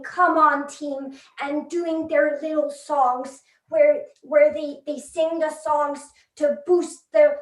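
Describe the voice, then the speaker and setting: A woman giving a rambling, deadpan comic sports report in an earnest storytelling way. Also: high voice, roomy sound.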